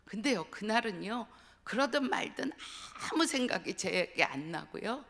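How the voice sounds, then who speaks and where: A woman's voice: mid-range voice, animated, normal speed, a bit bright. A middle-aged woman, a pastor's wife, giving an earnest testimonial sermon, telling her story and dropping to a whisper for emphasis. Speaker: guest speaker, pastor's wife. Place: church sanctuary. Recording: long reverb of a church hall.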